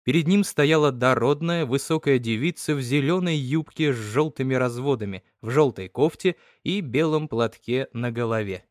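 A man reading a story aloud in measured, even narration. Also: medium pitch, no room sound, studio quality. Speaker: audiobook reader. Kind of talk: scripted narration.

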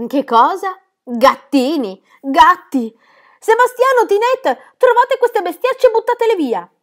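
A woman's voice: extremely high pitch, sing-song, unhurried, pitched above the performer's own voice, full character voice. A woman voicing a strict, furious governess who shrieks in outrage.

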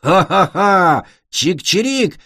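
A young male dragon growls and gloats as a play-acting thief, as a man voices him. The voice jumps around with lively pitch. It sounds close and dry. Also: a little slow, slightly rough, no room sound, exaggerated voice. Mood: gleeful. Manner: growling, gleeful.

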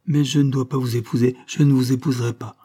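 A man's voice: mid-range voice, steady tone, quick pace, dark tone, voice pushed up, natural voice. A man reading aloud, voicing an anguished, self-denying young woman in a storybook reading. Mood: pained resolve.

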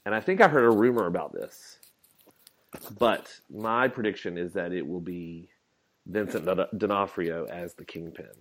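A man with a fairly low voice co-hosts a casual podcast chat about comics. He mostly backs up his partner with short agreeing replies. Now and then he offers his own guesses. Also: moderate pace. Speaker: podcast co-host.

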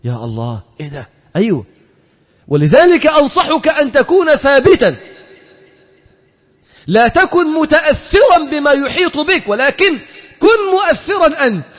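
A man's voice: extremely high pitch, big pitch swings, moderate pace, pauses often. A man with an Egyptian accent preaching a sermon, firing rhetorical questions and acting out little dialogues. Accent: Egyptian Arabic. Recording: dull reverberant hall recording.

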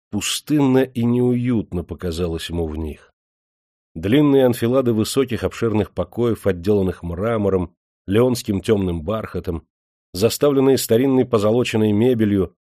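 A man narrating an audiobook in a measured, steady reading style. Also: fairly low pitch, dry recording, clean studio sound. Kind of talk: scripted narration.

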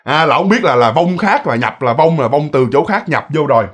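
Brief: male storyteller, Southern Vietnamese accent, slightly high voice, casual chatty horror narration. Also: animated, fairly quick, a bit bright, breathy edge. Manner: chatty, addresses listeners, lots of fillers.

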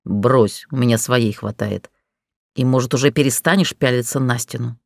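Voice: mid-range voice, moderate pace, vocal fry, no echo, pitched below the performer's own voice, natural voice. An audiobook reader voicing a cocky, blunt dragon man, speaking in dry, teasing banter. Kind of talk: audiobook character dialogue.

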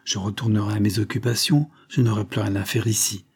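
A man's voice: lowish voice, fairly even intonation, a little fast, breathy edge. Man reading as a brusque, intense police agent. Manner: brusque, hard, urgent delivery.

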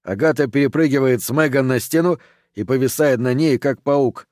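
A man narrating a horror audiobook in an even, steady reading voice. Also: mid-range voice, moderate pace, no echo, studio quality.

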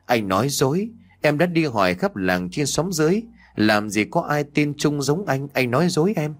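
A man's voice: a little high, big pitch swings, normal speed, pitched above the performer's own voice. A man voicing a young village woman who has been abandoned, speaking in a sobbing, pleading way in a spoken ghost story. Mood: tearful, reproachful. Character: young village woman, tearful jilted lover.

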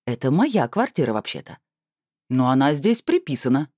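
A woman's voice: rumbling low, very animated, normal speed, darkish tone, no echo, clean studio sound, full character voice. A woman voicing a pompous, freeloading young man, sulky and haughty in tone.

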